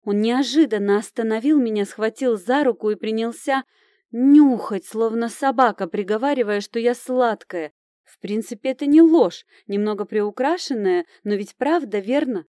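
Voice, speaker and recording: Женщина играет театрально-драматичную девушку-подростка. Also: female voice, a little high, moderate pace, dark tone, no echo, clean studio sound, voice pushed up, natural voice. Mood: pleading. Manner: dramatic, theatrical pleading. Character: frightened, scheming teenage girl heroine.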